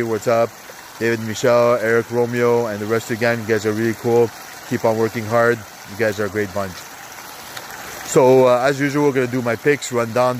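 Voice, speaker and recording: A congested, mid-pitched man with a sore throat rambles through a casual NFL picks rundown from an outdoor hot tub on a cold day. This sports betting vlogger piles on fillers and hyped asides, and the low-quality recording carries faint background noise.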